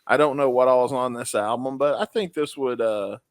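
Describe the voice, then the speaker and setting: A man's voice: medium pitch, a little fast. A man with a mid-range voice chats casually as a music review co-host. The sound is dry, with no room echo. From Memphis, United States. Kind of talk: casual chat.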